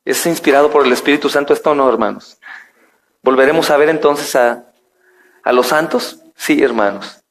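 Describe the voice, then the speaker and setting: Male pastor preaching a sermon in a somewhat high voice, addressing the congregation as brothers. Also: moderate pace.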